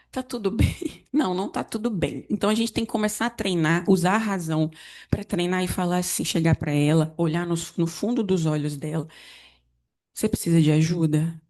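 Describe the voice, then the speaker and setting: A woman with a Brazilian Portuguese accent giving a devotional lecture over a video call, telling a story gently and asking the audience rhetorical questions. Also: fairly low pitch, fairly quick. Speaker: lecturer at a spiritist center.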